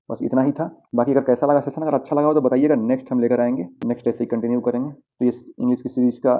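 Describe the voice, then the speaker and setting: Tinny-sounding man teaching pronunciation. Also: medium pitch. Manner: patient, quizzes the viewer with repeated questions. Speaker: English teacher. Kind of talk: slide-based pronunciation lesson.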